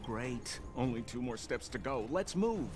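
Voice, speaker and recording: A man's voice: mid-range voice, lively intonation, unhurried, background noise, close to an everyday voice. A man voicing a glib, playful young trickster in a game. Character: sly, smooth-talking young male trickster. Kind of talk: game voice acting. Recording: game audio with music.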